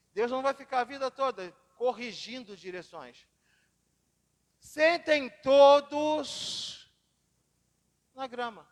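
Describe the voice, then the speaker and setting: Recorded in a church hall with a long reverb, a pastor with a high-pitched, slightly bright voice delivers a sermon. He shares personal stories, swinging his voice dramatically as he goes.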